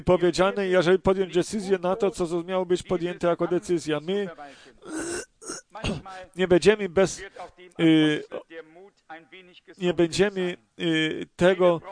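A man preaching a sermon, reading scripture aloud and explaining it with many pauses, fillers and restarts, sometimes asking the congregation whether they agree. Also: sits high, fairly even intonation, a little mellow. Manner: asks the congregation questions.

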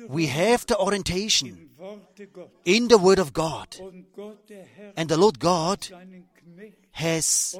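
An older man preaching a sermon in a slow, emphatic way, repeating his phrases and restarting as he goes. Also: high voice, animated.

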